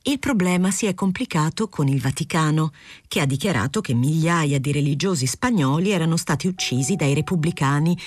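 A woman's voice: lowish voice, pitched above the performer's own voice, natural voice. A woman voicing an indignant, outspoken male priest. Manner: outspoken, scolding.

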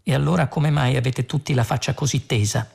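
A man's voice: mid-range voice, fairly even intonation, fairly quick, gravelly, darkish tone, slightly rough. A man voicing a nervous, exasperated ordinary man caught up in a space adventure, in an audiobook. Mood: nervous worry. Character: anxious ordinary Englishman lost in space.

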